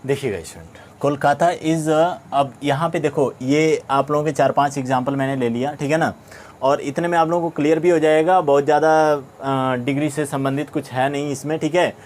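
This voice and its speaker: Indian man teaching, fairly high voice. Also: steady tone, brisk, darkish tone, a little hiss or hum. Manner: repeats questions and answers them himself; keeps checking understanding. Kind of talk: classroom-style grammar lesson.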